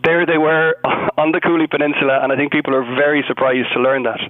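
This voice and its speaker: A man's voice: fairly high pitch, level tone, fast talker. Radio interview guest: young male, west of Ireland accent, discursive and conversational, thin telephone-like sound. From Galway, west of Ireland. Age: young adult. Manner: explanatory, discursive. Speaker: interview guest, Dominican friar. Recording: phone-like narrow band.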